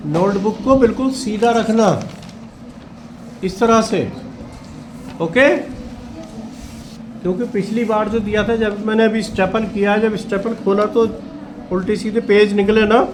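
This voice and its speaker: A man teaching in a classroom, calmly coaxing students during a test and calling them by name. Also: sits high, unhurried, long pauses, background noise.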